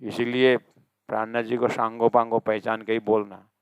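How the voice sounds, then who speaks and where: A male religious teacher giving a scripture discourse, chanting verses slowly and explaining them with emphatic, rising questions. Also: medium pitch, little pitch movement, smooth, dry recording, muffled recording.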